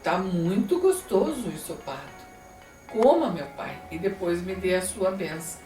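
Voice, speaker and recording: A woman's voice: fairly low pitch, lively intonation, moderate pace, mellow, echoey room, distant mic, soft background music, natural voice. A woman voicing a younger son coaxing his father with a stew.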